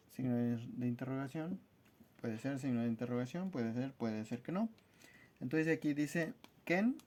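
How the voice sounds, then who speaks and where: A man teaching a language lesson at a whiteboard, spelling out words slowly and carefully in a friendly, casual way. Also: medium pitch, a little mellow.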